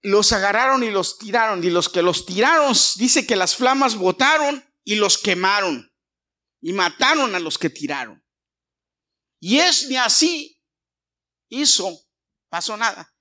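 A middle-aged man with a Mexican Spanish accent preaching a sermon, retelling a Bible story, going from hushed asides to loud bursts. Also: high-pitched, expressive. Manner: storytelling with many pauses, swings from hushed to loud.

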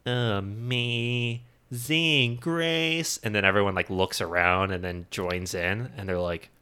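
A man with a low, bright, forceful voice talks in relaxed chat with a co-host. He laughs often as he goes. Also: normal speed, smooth. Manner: laughs often, quotes lines in put-on voices. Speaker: podcast co-host. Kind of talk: casual chat.

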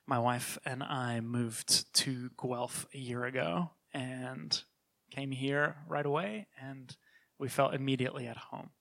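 A middle-aged man who leads a children's ministry gives a church talk with personal testimony, his mild New Zealand accent softened by years in Canada. His medium-pitched voice is bright yet creaky, and he speaks earnestly and conversationally, often restarting his sentences.

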